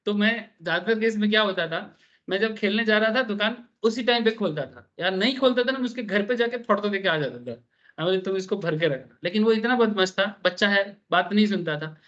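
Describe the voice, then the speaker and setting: A man's voice: high-pitched, fairly quick, fairly bright tone, highs cut off. A man teaching a business law class, telling stories and asking the students questions. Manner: chatty storytelling, asks the class questions, mixes English terms.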